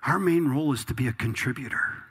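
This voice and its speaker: A man's voice: mid-range voice, fast, a bit bright, husky. A man preaching a sermon, reading a passage aloud and then exhorting the congregation with growing intensity. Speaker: pastor.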